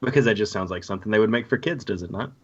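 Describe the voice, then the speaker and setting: A man's voice: fairly low pitch, rapid-fire, breathy edge, muffled recording. A man co-hosting a sports podcast in casual chat, with teasing banter.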